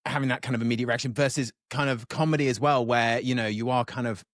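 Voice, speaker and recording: A man's voice: mid-range voice, steady tone, fast, no room sound, clean studio sound. A man hosting a casual interview podcast, asking earnest, loosely phrased questions. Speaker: podcast host.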